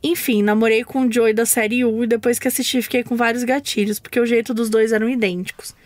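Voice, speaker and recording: A woman's voice: a little high, fairly even intonation, fast talker, a little mellow, dry recording. A woman from Brazil co-hosting a podcast, reading a listener's story in an easygoing way. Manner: easygoing, laughs along. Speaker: podcast co-host. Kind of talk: casual chat and story reading.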